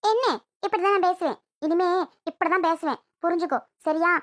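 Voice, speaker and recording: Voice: very high-pitched, fairly quick, fairly bright tone, no room sound. A voice actor playing a rude, bossy young bride in a cartoon, speaking with a Tirunelveli Tamil accent and taunting her family. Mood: scornful. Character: bossy new bride, sharp-tongued and rude. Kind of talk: cartoon voice acting.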